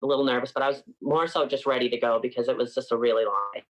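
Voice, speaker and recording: A singer in his twenties from upstate New York chats casually as an interview guest, peppering his speech with "like." His medium-pitched voice comes rapid-fire, and the audio is poor.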